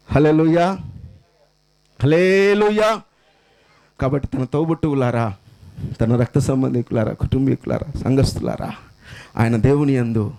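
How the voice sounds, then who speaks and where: A high-pitched man delivers a memorial sermon. He rises into loud exclamations, then drops to low, quiet murmurs, and keeps calling out hallelujahs. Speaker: pastor.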